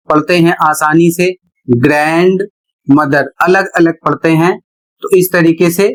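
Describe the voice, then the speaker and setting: A man teaching English pronunciation in a slow, explanatory lesson, spelling words out letter by letter. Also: fairly high pitch, rough recording.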